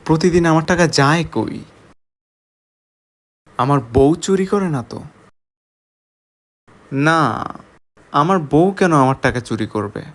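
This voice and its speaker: A man's voice: fairly high pitch, expressive, measured pace, pauses often, fairly bright tone. A man playing a suspicious young husband who wonders who takes his money and confronts his wife. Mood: suspicious musing. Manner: musing to himself, then confronting. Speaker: husband in comedy skit. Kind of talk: comic skit acting.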